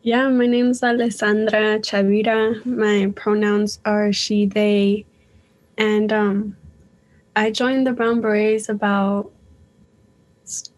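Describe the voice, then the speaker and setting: A young woman speaks as a guest on a radio interview. She talks slowly and casually, with hesitant likes and ums between her thoughts. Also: medium pitch, low-quality recording. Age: young adult.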